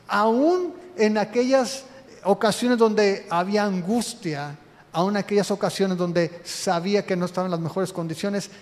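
A man preaching a sermon as pastor, his voice swelling loud and then dropping low. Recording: long hall reverb.

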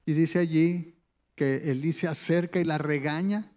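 A man's voice: fairly high pitch, steady tone, a little slow, a little mellow. A man preaching a sermon in a conversational way, turning to the listener with direct questions. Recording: long hall reverb.

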